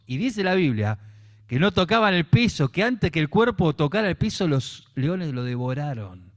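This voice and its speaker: Rioplatense male pastor, lively sermon delivery, acts out dialogue, medium pitch. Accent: Rioplatense Spanish. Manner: animated preaching, acting out biblical dialogue with voseo.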